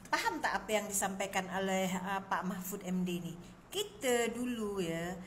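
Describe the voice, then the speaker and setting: A woman lectures her viewers insistently in a vlog. Her voice is bright and sharp and a bit high. Faint noise sits behind her. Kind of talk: vlog commentary.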